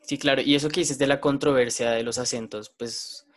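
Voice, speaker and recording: Interviewer, mid-pitched voice, hesitant questions, casual tone. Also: fairly even intonation, brisk. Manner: hesitant, repeats words while asking.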